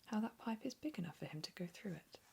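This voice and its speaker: A woman's voice: medium pitch, expressive, fast talker, vocal fry, dark tone, slightly rough, exaggerated voice. A woman in a whispered storybook reading, voicing a pompous, grumbling father.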